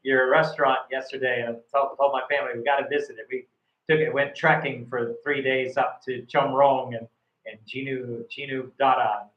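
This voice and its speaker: This is a middle-aged American man giving relaxed, meandering coaching to a speaking student, often pausing on "uh" and repeating himself. His voice sits at an ordinary pitch. The recording is roomy and a little dull, like a lo-fi live stream. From United States. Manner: rambling, many fillers and repeated words. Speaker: IELTS speaking tutor.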